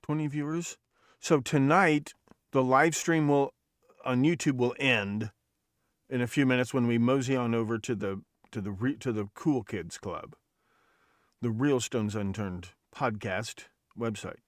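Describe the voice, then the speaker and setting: A man's voice: medium pitch, a little slow, no echo, clean studio sound. A man hosting a podcast livestream in casual chat, rambling and profane, often restarting his sentences. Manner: rambling, profane, self-correcting. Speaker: podcast host.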